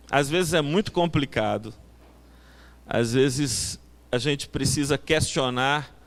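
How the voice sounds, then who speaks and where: A Brazilian Portuguese-speaking man preaching a sermon as pastor of a small church, telling a story in a reflective, unhurried way. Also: medium pitch. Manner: reflective storyteller, loud bursts on acted exclamations.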